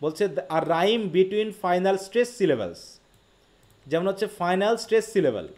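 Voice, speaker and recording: A man with a Bangladeshi accent teaching a live online literature class. He explains quickly, reads English passages slowly and keeps asking his students questions. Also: sits high, big pitch swings, darkish tone. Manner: quick Bengali explanation, slow read-aloud English quotes, frequent questions to students.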